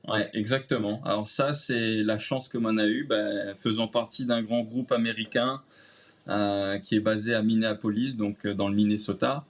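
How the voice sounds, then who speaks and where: With a fairly low pitch, a steady tone, and a moderate pace, a man from Réunion speaks casually as an interview guest. His Réunionese French accent comes through alongside creole-tinged phrasing and frequent hesitant "euh" fillers.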